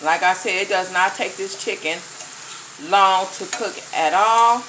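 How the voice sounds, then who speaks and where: A middle-aged woman talks through her cooking in an unhurried, easygoing way and speaks straight to her viewers. She films herself at her home stove on a phone. Faint sizzling and kitchen noise sit under her voice. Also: mid-range voice, a bit bright. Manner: chatty, addresses viewers as "you guys". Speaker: home cook vlogger. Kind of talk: casual cooking vlog narration.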